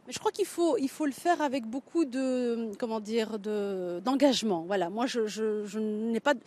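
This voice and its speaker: A woman's voice: on the high side, normal speed, dark tone. A middle-aged Belgian woman, a writer and local candidate, answering interview questions thoughtfully with many hesitations and restarts.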